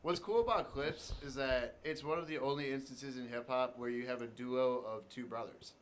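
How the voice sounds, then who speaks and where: A man talking animatedly in a group podcast chat, swearing freely and pressing his points. His pitch is ordinary, with a faint hum of room noise behind him. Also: moderate pace. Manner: animated, profane, emphatic. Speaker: podcast co-host.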